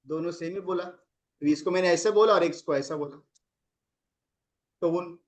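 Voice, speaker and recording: High-pitched guy coaching on relationships, talks it through casually, acts out angry lines as examples. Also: moderate pace. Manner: explains with acted examples of angry phrasing. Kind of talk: casual advice talk.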